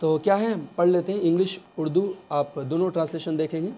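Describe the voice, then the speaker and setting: Male English tutor, high mellow voice, slow repetitive drilling style. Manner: repeats words slowly, quizzing the listener. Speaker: English teacher. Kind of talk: slow bilingual reading lesson.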